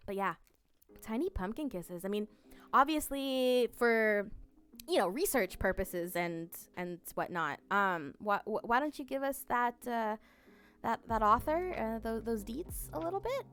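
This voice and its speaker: Woman live-streamer, unhurried chatty delivery full of "um"s, bursts of bubbly greetings, faint music underneath. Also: medium pitch, a bit bright. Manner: rambling, many fillers and restarts, reads chat aloud. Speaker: streamer reading chat. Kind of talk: casual live-stream chat.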